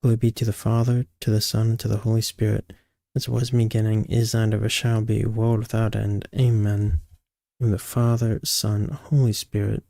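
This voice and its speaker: A man's voice: fairly low pitch, flat delivery, moderate pace, vocal fry, mellow, no echo, studio quality. Man streaming over headset audio. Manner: easygoing, greets chat by name. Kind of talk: casual live stream chat.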